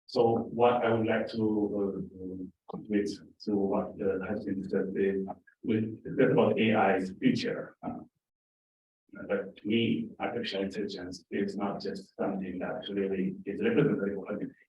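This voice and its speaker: A man's voice: on the low side, little pitch movement, moderate pace, lo-fi sound, a little hiss or hum. A man from Ethiopia making remarks at a forum, hesitant and full of fillers. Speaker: forum contributor. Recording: echoey hall, speaker far from mic.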